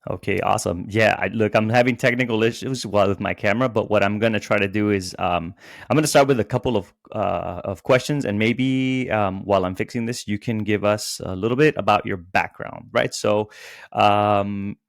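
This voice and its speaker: Over a video call, a man with a lowish, gravelly voice hosts a podcast at normal speed. He opens by narrating a dramatic scripted intro, then shifts into a casual interview, chatting hesitantly with lots of fillers.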